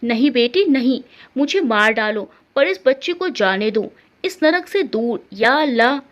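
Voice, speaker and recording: A man's voice: extremely high pitch, expressive, a little slow, fairly bright tone, highs cut off, exaggerated voice. A woman voicing a loving old man who begs to save a young woman. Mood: pleading. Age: older. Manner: pleading.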